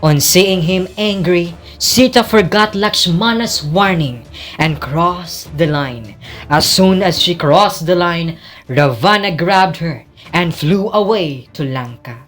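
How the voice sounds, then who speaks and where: A narrator telling an epic tale in slow, measured scripted narration. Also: medium pitch, fairly bright tone, faint music behind.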